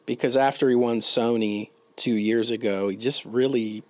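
A man co-hosting a relaxed golf-picks show, with a teasing, joking manner. His voice sits in an ordinary middle register. The sound is dry and close, with no room around it. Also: mid-range voice, moderate pace, no room sound. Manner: teasing, gives playful clues. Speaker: co-host. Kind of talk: casual golf-picks chat.

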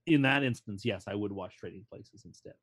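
A man's voice: lowish voice, brisk, a bit bright. A man in casual podcast banter, earnest and stubborn in defending his opinions.

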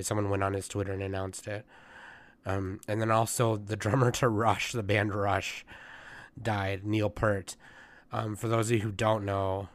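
A young man hosting a casual podcast, hoarse and congested, rambling with lots of fillers and swearing. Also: fairly low pitch. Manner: rambling, profane, many fillers. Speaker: podcast host. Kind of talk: casual chat.

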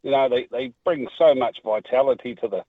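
A man's voice: mid-range voice, fairly quick, dry recording. A man with a New Zealand accent calling in to a talkback radio show over the phone and chatting in a rambling way. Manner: rambling, with restarts. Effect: heard over the phone. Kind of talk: casual phone-in chat. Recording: dry tinny phone line.

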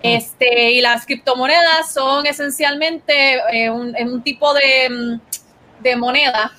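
A woman's voice: sits high, fairly even intonation, slow, sharp tone. A Puerto Rican woman giving a casual explainer as host of a gaming segment, mixing English words into her Spanish in Spanglish.

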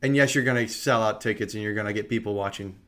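A man's voice: lowish voice, quick pace, a bit bright. Casual man talking hockey on a podcast. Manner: chatty, thinks aloud while reading a schedule. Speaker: podcast host. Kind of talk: casual sports chat.

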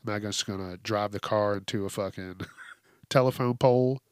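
This podcast host, stuffed up with allergies, rants on his own show in a blunt, casual, emphatic style, swearing freely. His lowish voice is clear and resonant at a normal speed, captured dry on a close hypercardioid microphone.

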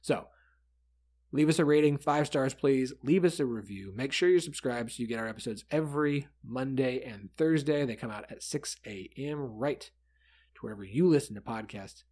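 A man's voice: mid-range voice, expressive, normal speed, a little mellow. A man hosting a sports podcast in a casual, conversational way. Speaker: podcast host.

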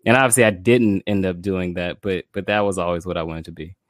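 A man from Florida, a guest in a relaxed interview, talking about his life in a reflective way with frequent fillers. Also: sits low, a little fast, no room sound, clean studio sound. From Florida, USA. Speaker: podcast guest, filmmaker and brand strategist. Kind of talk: casual interview conversation.

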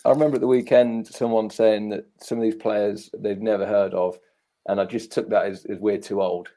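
A man's voice: lowish voice, level tone, fairly quick, warm tone, low-quality recording. A man from Leicester with a Leicester accent, chatting casually about football as a podcast panellist. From Leicester, England.

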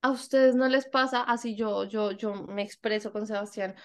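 A woman's voice: mid-range voice, fairly even intonation, normal speed. A young Colombian woman co-hosting a podcast, chatting casually, laughing often and acting out bits of dialogue. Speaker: podcast co-host. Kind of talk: casual chat.

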